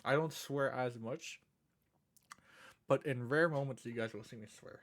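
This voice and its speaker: A man with a slushy lisp and slightly slurred words, talking casually and haltingly as he introduces himself in a vlog, often repeating phrases. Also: medium pitch. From Canada. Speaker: content creator and streamer.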